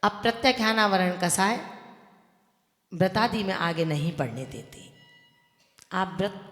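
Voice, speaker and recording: A woman's voice: fairly low pitch, animated, a little slow, fairly bright tone, soft background music. A woman, a Jain nun, giving an earnest devotional sermon that exhorts listeners and explains with everyday examples. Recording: echoey hall with long reverb.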